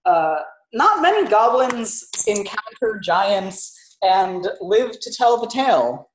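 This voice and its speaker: A woman's voice: mid-range voice, very animated, slow, a little hiss or hum. A woman narrating as game master of a tabletop game, with many fillers and restarts. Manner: hesitant, filler-heavy narration. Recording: echoey room.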